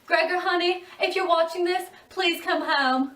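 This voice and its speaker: A woman playing a frightened mother who speaks anxiously and haltingly. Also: very high voice, steady tone, a bit bright, voice pushed up. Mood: pleading. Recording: roomy echo, far from mic.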